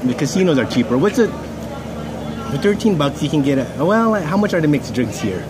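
A man's voice: on the high side, very animated, moderate pace, crowd noise. A man co-hosting a casual show at an outdoor racetrack terrace, bantering loosely and swearing. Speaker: podcast co-host. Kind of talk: casual chat. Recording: outdoor noise in background.

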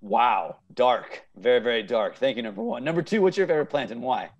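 Through a muffled recording comes a medium-pitched man with lively intonation, talking fairly quickly. He's an improv teacher in his thirties hosting an upbeat, playful game show on a video call from home, often repeating answers back.

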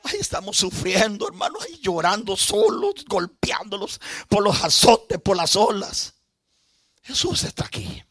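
Man, pastor, impassioned sermon, shouted climaxes, bright husky voice. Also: high-pitched, wildly swooping pitch, unhurried, no room sound, studio quality. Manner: impassioned preaching, rising to shouts, calls to the congregation.

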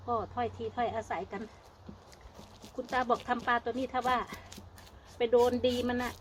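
A woman's voice: fairly high pitch, a bit bright, slight background noise, low-quality recording. Chatty older Isan-accented woman vlogger. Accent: Isan (northeastern Thai). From Thailand. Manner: chatty, folksy, homespun. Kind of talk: casual chat to viewers.

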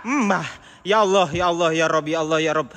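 A man with streaming a ghost hunt, nervously calling out into the dark on a handheld phone. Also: a little high, a little fast. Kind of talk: live ghost-hunting stream. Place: empty haunted building indoors. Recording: reverberant hall with faint noise.

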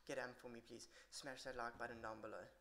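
A man's voice: medium pitch, little pitch movement, brisk, sharp tone, slight background noise. Tired, irritable man commentating gameplay. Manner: rambling, irritable, swears a lot. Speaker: gamer commentating his own match. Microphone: poor computer mic.

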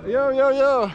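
With an action camera held out at arm's length, a Belgian travel vlogger in his thirties chats casually and laughs frequently as he walks around an outdoor stadium and its corridors. His voice is very high and a little mellow, and the sound is lo-fi.

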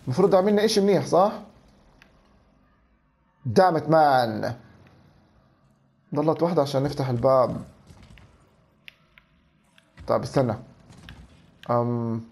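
A man in his thirties with a Levantine Arabic accent, giving animated, exclaiming let's play commentary and talking to himself. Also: mid-range voice, a little slow, long pauses. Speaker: video game streamer. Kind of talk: excited let's play commentary, switching between Arabic and English.

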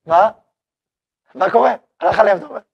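A man's voice: high voice, gravelly, breathy edge, no room sound, highs cut off. A man teaching a Torah lesson as a rabbi, speaking conversationally and putting questions to his listeners. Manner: conversational, asks the audience questions.

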